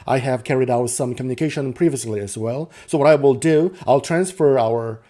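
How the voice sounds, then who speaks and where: Presenting software in an unplanned demo, this man walks through every step, frequently restating what he's just said. His voice is mellow and mid-range.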